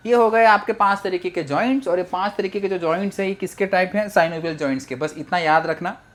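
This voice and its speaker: Young male tutor, slightly high voice, loose joking delivery, casual lecture read. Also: fast. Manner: chatty, joking, mixes English phrases into Hindi. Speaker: biology teacher. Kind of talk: casual exam-prep lecture.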